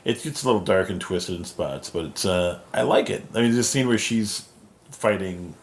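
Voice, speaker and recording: A man's voice: low voice, normal speed, slight background noise. A man hosting a podcast in a casual, rambling chat, cursing and trailing off mid-sentence. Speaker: podcast host.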